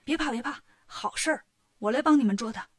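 A woman's voice: sits high, fairly quick. A woman voicing a boastful, cheeky male monkey king who talks brashly and teases. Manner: brash, bragging and teasing.

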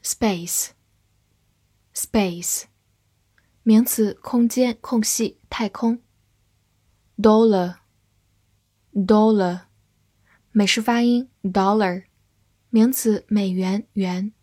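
A woman giving a scripted English vocabulary lesson, spelling words out letter by letter and reading example sentences slowly. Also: fairly high pitch, fairly even intonation, mellow, breathy edge, dry recording, studio quality.

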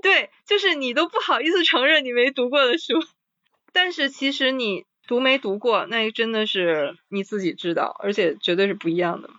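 A woman in a casual podcast chat about books, reading list items slowly and then commenting with sighing interjections. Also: a little high, lively intonation, sharp tone, no echo, lo-fi sound.

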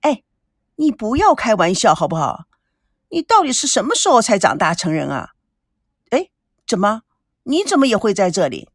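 Woman playing a flustered sharp-tongued young woman. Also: medium pitch, big pitch swings, normal speed, pauses often, dry recording, studio quality. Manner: sharp, scolding, defensive.

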